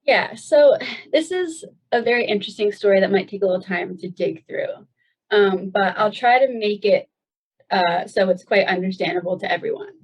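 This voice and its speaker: A woman in her twenties from the United States is a guest telling her own story in a loose, chatty way, with plenty of "um" and "like." Her mid-range voice is animated and slightly rough at a normal speed. The recording has a dull, lo-fi sound.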